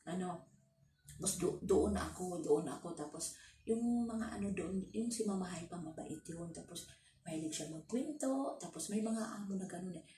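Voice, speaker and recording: A woman's voice: on the low side, animated, normal speed, warm tone, slight background noise. A woman from the Philippines who works abroad as a domestic helper, telling her story casually with many restarts and fillers. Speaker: overseas domestic worker. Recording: roomy, from a distance.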